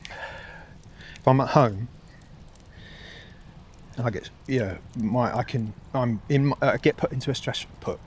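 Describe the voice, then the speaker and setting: A man's voice: mid-range voice, measured pace, pauses often, slight background noise. A man talking in a casual vlog monologue while out walking a dog, rambling with restarts and frequent swearing. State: hot and a little weary while walking. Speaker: vlogger.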